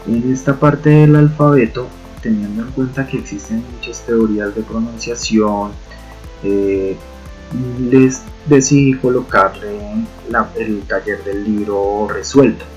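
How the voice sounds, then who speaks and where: A man gives an online lesson in a low voice, patient and explanatory, sounding out each example slowly. The audio is dull and lo-fi, with faint music underneath. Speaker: teacher. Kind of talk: online lecture on Greek roots.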